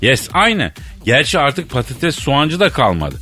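A man's voice: mid-range voice, big pitch swings, a little slow, bright, forceful tone, faint music behind. A man co-hosting a comedy radio show, telling stories with a playful, teasing manner and acting out dialogue. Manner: playful teasing storyteller who acts out dialogue. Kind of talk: comic radio banter.

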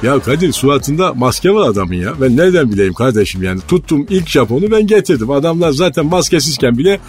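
A man's voice: medium pitch, very animated, fast talker, a little mellow, slightly rough. A man playing a boastful, hot-tempered football club president in a radio comedy sketch, rambling and ranting.

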